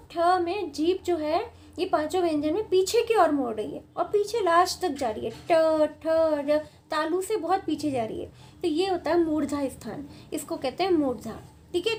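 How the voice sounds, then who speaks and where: A woman with a notably high voice teaches a grammar class at a board. She talks patiently, repeating points and checking in with the students. Her delivery sounds like a lesson that is walked through step by step. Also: darkish tone. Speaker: Sanskrit teacher.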